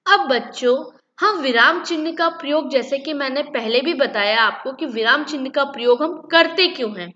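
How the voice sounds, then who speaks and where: A woman's voice: high-pitched, lively intonation, normal speed, hardly any pauses, sharp tone, lo-fi sound. A woman teaching a lesson to children, repeating key points and asking then answering her own questions. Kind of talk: classroom-style lesson for children.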